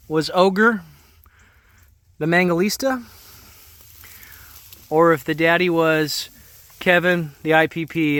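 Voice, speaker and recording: A man's voice: fairly high pitch, a bit bright, no room sound. A middle-aged man casually narrating a walk-around homestead vlog outdoors, talking in a folksy way to viewers and animals. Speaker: homesteader vlogger. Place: outdoors on a muddy farm and under an animal shelter.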